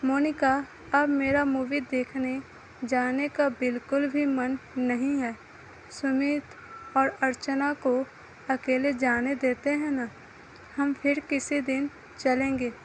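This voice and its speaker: Soft caring husband in a story, read by a woman, high even tone. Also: slow pace, slight background noise, low-quality recording. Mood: calm. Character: caring young husband, gentle and protective.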